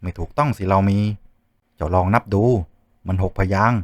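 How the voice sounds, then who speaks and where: A man's voice: sits low, animated, normal speed, no room sound. Man voicing a teasing old scholar.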